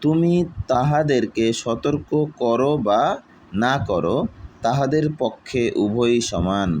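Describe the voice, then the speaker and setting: A man teaching Quran reading, who spells out each letter and vowel mark slowly and then reads the whole word. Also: medium pitch, darkish tone, a little hiss or hum, rough recording. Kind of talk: slow letter-by-letter recitation lesson.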